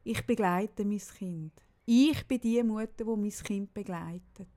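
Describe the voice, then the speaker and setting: A woman's voice: medium pitch, a little slow. A woman in her forties with a Swiss German accent, telling a story in casual chat and tagging her lines with "oder?". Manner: animated storyteller, often tags lines with "oder?". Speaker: podcast co-host telling a story.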